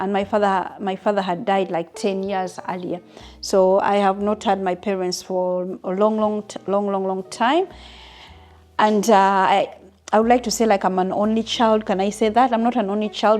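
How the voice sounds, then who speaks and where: A Ugandan woman in her fifties hosts a question-and-answer vlog, chatting casually and openly with her viewers. Her medium-pitched voice is a little mellow, and she frequently stops to rephrase and makes asides to her audience.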